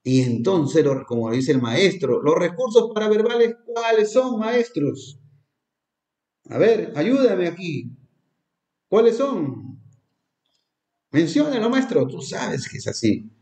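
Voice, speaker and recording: A man leading an exam review lesson for teachers, asking questions and slowly repeating the key terms. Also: high voice, big pitch swings, darkish tone. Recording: echoey room.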